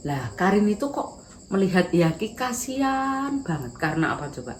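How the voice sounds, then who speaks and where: A woman telling a devotional story for Sunday school children, expressive and asking her listeners questions. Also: mid-range voice, normal speed, slight background noise. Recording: echoey room recording.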